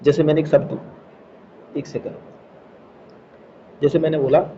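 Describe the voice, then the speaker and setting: A man with a somewhat high voice teaches a grammar lesson. He explains step by step, repeats the key terms over and over and keeps asking whether it makes sense. The recording is a little muffled, with a faint hiss behind it. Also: steady tone, measured pace, mellow. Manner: explains step by step, repeats key words, asks checking questions. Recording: slightly dull recording with faint background noise.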